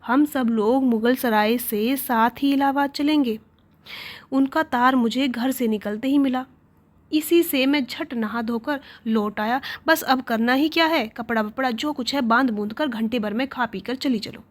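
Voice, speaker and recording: An insistent young husband, brisk and a little sarcastic, as a woman reading a story aloud puts him on. The voice stays fairly high and plain.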